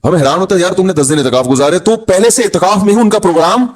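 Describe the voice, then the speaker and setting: A middle-aged man with a Pakistani Urdu accent gives a humorous sermon, often mimicking people in a lowered voice. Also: quick pace, darkish tone. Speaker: Islamic preacher.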